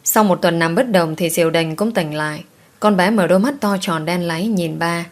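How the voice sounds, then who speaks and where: A woman narrating a romance audiobook in a calm, steady, measured reading. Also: fairly low pitch.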